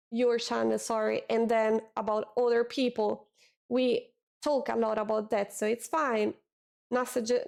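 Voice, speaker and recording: Sitting at her desk mic, a young Italian woman chats with her stream audience, reading their messages aloud and repeating words as she goes. She has a slightly high, gravelly voice that's a little mellow.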